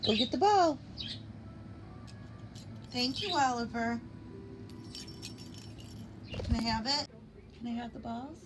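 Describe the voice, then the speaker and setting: A woman's voice: a little high, expressive, slow pace, long pauses. A woman talking affectionately to her pet bird in simple, cooing, repeated phrases. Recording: noisy home recording with bird sounds.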